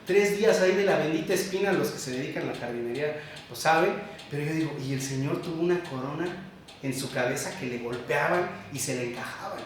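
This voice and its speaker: A male pastor preaching a sermon, emphatic, with sudden drops to a low hush. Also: fast talker, slight background noise. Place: church sanctuary. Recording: very echoey church hall, mic far off.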